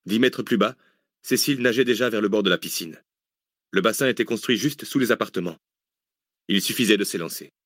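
A man narrates a thriller audiobook with a low, steady voice. The recording is close and dry, with no room sound. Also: a little fast, no echo. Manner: steady storytelling. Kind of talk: scripted narration.

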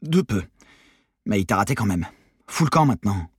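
A man reading an audiobook, voicing a bold, sharp-tongued teenage girl with mocking quick retorts. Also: lowish voice, very animated, husky, dry recording, clean studio sound, full character voice. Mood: cheeky.

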